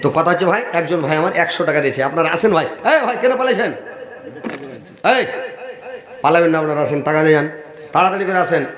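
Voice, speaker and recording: A male preacher giving a humorous sermon at a large outdoor gathering, teasing the audience and asking for donations over a loudspeaker. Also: on the high side, rapid-fire, a crowd in the background. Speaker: Islamic preacher. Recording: echoey public-address sound at a crowded gathering.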